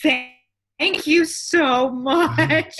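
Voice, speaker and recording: A woman's voice: high voice, extremely slow, fairly bright tone, soft background music. A woman attendee speaking up on a webinar, grateful and laughing.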